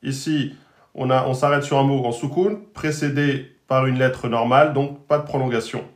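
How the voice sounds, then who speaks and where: A man's voice: mid-range voice, fairly even intonation, moderate pace. A man teaching an online lesson on Arabic letters, patiently repeating and drilling each pronunciation. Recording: roomy echo.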